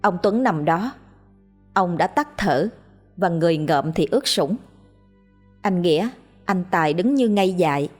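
A woman storyteller reading a ghost story in a steady, measured way. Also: on the low side, faint music behind.

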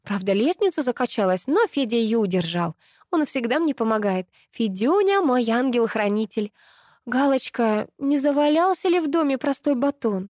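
A woman reading an audiobook, voicing a lively female doctor with a bright, quick-reacting manner. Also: a little high, no echo, clean studio sound, pitched above the performer's own voice. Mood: cheerful.

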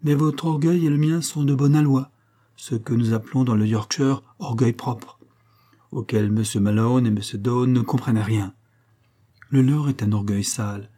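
A proud working man of about forty, read by a man. He speaks in a dark, mellow, slightly husky voice, earnest and plain-spoken. The storybook reading is steady and unhurried. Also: medium pitch, close to an everyday voice. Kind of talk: audiobook character reading.

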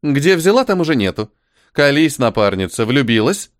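A male narrator doing a young blonde woman, pitched up high, whiny and teasing. Her lines jump about with lively intonation in a dry, close audiobook sound. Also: moderate pace, dry recording, natural voice. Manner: complaining, teasing, raised girlish pitch.

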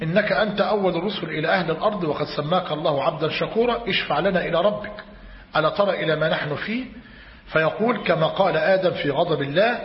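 Man, religious teacher, reading and explaining a text, slightly high voice, long hall reverb. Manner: reads a commentary aloud and explains it. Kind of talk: lecture on creed. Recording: echoey hall, muffled lo-fi.

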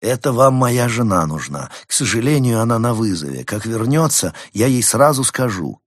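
A man's voice: medium pitch, sing-song, moderate pace, no room sound, studio quality. A man reading an audiobook and voicing a courteous man who apologetically answers a doctor's phone. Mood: apologetic.

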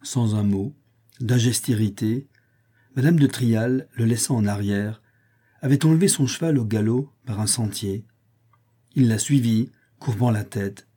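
A man reading a classic French short story aloud in measured, phrase-by-phrase literary narration. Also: medium pitch, warm tone, breathy edge. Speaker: audiobook reader. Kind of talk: scripted narration.

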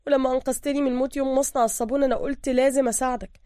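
A woman voicing a frightened young Egyptian man with an Egyptian accent, crying and pleading in a strained, high, loud voice. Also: steady tone, rapid-fire, dry recording, studio quality, close to an everyday voice. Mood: tearful. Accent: Egyptian Arabic.

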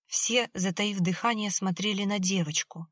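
A woman's voice: medium pitch, moderate pace, fairly bright tone, dry recording. Woman narrating an audiobook, dry sound. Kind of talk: scripted narration.

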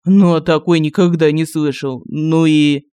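A male narrator voicing a calm, phlegmatic male turtle warrior in an audiobook. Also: fairly high pitch, measured pace, clear, resonant tone, no echo, natural voice. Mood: deadpan.

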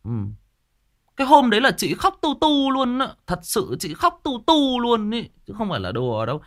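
A man from Thai Nguyen in northern Vietnam hosts a ghost story channel, chatting casually but emphatically with his listeners. His voice is medium-pitched and a bit bright.

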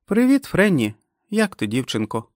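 A man's voice: a little high, sing-song, normal speed, dry recording, studio quality, voice pushed up. A man voicing a chatty, rueful woman who complains wryly about a rash.

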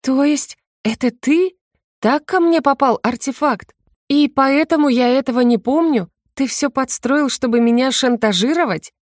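A woman's voice: a little high, lively intonation, fairly quick, few pauses, no room sound, voice pushed up, natural voice. A proud young sorceress, voiced by a woman reading aloud, bristling and indignant, always near tears. Her voice sits well above the reader's own. The recording is dry and close. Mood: furious. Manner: sharp, indignant, on the edge of tears. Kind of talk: audiobook character reading.

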